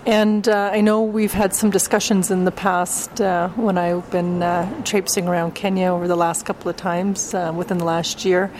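A woman's voice: on the low side, flat delivery, moderate pace, few pauses, a little mellow, a little hiss or hum. Casual woman interviewer. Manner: casual, rambling with fillers. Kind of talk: interview hosting.

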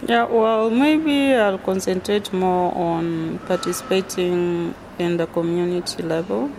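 A middle-aged Kenyan woman with a Kenyan accent, answering interview questions thoughtfully as a university lecturer, with many pauses and fillers. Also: lowish voice, darkish tone, a little hiss or hum, poor audio.

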